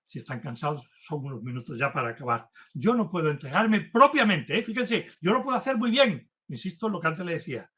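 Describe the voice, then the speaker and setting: A man lecturing on philosophy in an earnest, insistent way. His voice sits a little high for a man, and he leans hard on key words as he builds toward each point. It sounds like a formal talk given to a remote audience. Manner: earnest, emphatic, building intensity as he warms up. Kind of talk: university-style lecture. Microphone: remote talk to a virtual audience.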